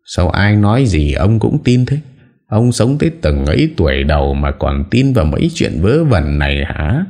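A man's voice: sits low, big pitch swings, normal speed, gravelly, darkish tone, heavily acted. A male narrator voicing a defiant young master who answers in cold, clipped retorts. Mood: cold defiance.

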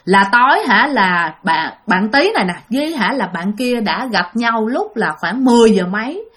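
A woman narrates a ghost story in a chatty, conversational way, often turning to address her listeners directly. Her voice sits a little high, and she builds suspense with dramatic pauses. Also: expressive, a bit bright. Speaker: storyteller and channel host.

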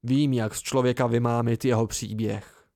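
A man's voice: mid-range voice, steady tone, vocal fry, a little mellow, natural voice. A man voicing a testy scribe. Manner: terse, testy. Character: curious, prickly male scribe. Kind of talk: amateur audiobook voicing.

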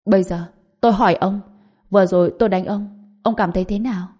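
A woman's voice: medium pitch, steady tone, brisk, dark tone, natural voice. A woman voicing a young male heir of a rich clan, cold, curt and threatening, in a spoken story.

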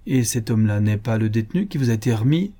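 A man's voice: lowish voice, lively intonation, fast talker, mellow. A man reading the part of a stern older male court president in an audiobook, questioning sharply. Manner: indignant questioning.

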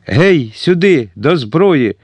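A man reading aloud voices a furious, arrogant nobleman cavalry officer who shouts threats and commands. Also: medium pitch, lively intonation, moderate pace, dry recording, lightly acted. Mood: shouting.

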